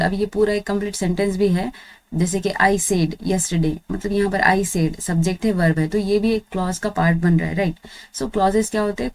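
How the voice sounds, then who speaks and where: A woman's voice: fairly low pitch, darkish tone. A woman teaching basic spoken English, explaining step by step and checking in with "right?" and "okay?", mixing English phrases into her talk. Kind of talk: Hinglish spoken English lesson.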